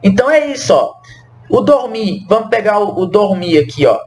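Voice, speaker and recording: A young man teaching French to Portuguese speakers, talking slowly and repeating each phrase, often checking in with the viewer. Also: sits high, very animated, darkish tone, slight background noise. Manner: slow, repeats phrases, asks the viewer questions. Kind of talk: explaining a language lesson.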